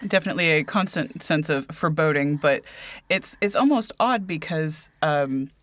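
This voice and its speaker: A woman's voice: deep voice, normal speed, fairly bright tone. Hesitant woman chatting about a book. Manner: hesitant, many fillers and restarts. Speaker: podcast co-host. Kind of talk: casual book discussion.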